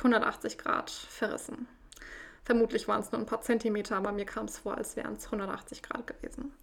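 Flat-voiced woman telling a personal story. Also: a little high, gravelly. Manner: reflective, measured, with frequent pauses.

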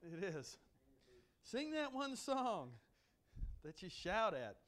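A male preacher with a fairly high voice reads scripture aloud and then breaks into folksy, joking asides. He often repeats and restarts his words. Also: very animated, slow pace, fairly bright tone. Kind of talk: sermon with Bible reading.

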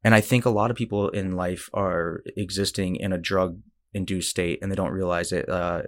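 A man's voice: deep voice, moderate pace. A man hosting a casual chat, telling stories animatedly and acting out the quotes, with lots of "like". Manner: animated storyteller who acts out quotes, many fillers like "like".

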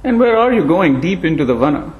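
A man's voice: a little high, big pitch swings, fast talker, lo-fi sound. A man voicing a frail, ancient male monkey who talks in a shrewd, rambling way in a storybook reading. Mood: scolding. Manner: rambling, gently scolding. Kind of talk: storybook narration.

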